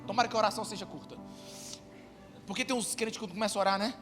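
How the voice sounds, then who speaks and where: Man, pastor, sermon, animated storytelling, loud to hushed, long church reverb. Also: high voice, rapid-fire. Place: church hall. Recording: long hall reverb with music behind.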